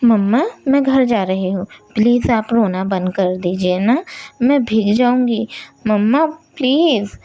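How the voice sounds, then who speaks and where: A sweet twelve-year-old girl played by a woman pleads in a high, childlike voice. Her tone stays soft and a little whiny. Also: a little slow, highs cut off. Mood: pleading.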